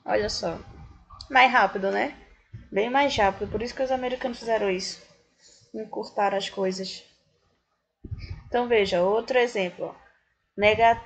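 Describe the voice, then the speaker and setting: Brazilian woman, English teacher; husky, fairly high voice, unhurried and patient with her class. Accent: Brazilian Portuguese. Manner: patient, explanatory, addresses students directly. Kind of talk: recorded class lesson explaining grammar.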